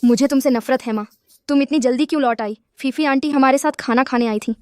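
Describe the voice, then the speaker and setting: A woman's voice: high-pitched, brisk, darkish tone, clear, resonant tone, no room sound, studio quality, lightly acted. A woman voicing a spoiled young boy in a dubbed drama, whiny and defiant toward his mother. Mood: resentful. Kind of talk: Hindi dub of a drama.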